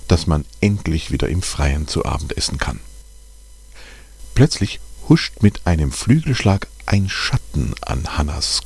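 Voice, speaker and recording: A man reading a children's story aloud as the narrator, clear and expressive. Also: sits low, no room sound.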